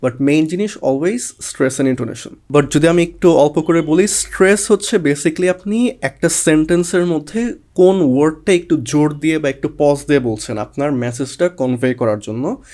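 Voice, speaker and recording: Young man, IELTS coach, explanatory, slightly high voice. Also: normal speed, a little mellow. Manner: mixes English words into Bengali, explanatory. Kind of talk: explaining a viewer question to camera.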